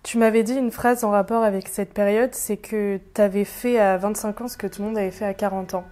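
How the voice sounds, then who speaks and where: A woman hosting a podcast, asking questions and reading the outro in a steady, even way. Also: mid-range voice, brisk. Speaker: podcast host.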